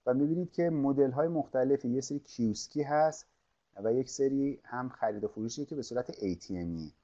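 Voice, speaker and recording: A man's voice: mid-range voice, dark tone, highs cut off. Hesitant man teaching a screen-share lesson. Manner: hesitant, many fillers and restarts, thinking aloud while clicking. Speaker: online course instructor.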